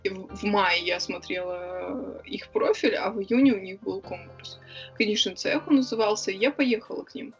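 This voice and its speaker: The audio is dull, with faint background music, as a young woman talks in a conversational interview. A writer and club organizer, she speaks at medium pitch, chatty and quick, filling her speech with hesitations.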